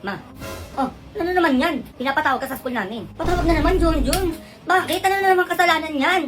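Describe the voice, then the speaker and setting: Female skit comic, rapid-fire brash mother and meek teacher voices, music bed. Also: very high-pitched. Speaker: comedy skit creator. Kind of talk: comedic family and school sketch acting. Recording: background music under the voice.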